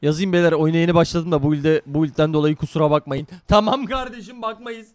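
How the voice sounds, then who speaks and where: Man, game streamer, excitable and profane, bright clean voice, dry close sound. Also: fairly high pitch, fast talker, dry recording, faint music behind. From Turkey. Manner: brash, profane, excitable banter with chat. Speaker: live streamer. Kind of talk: live gaming stream commentary.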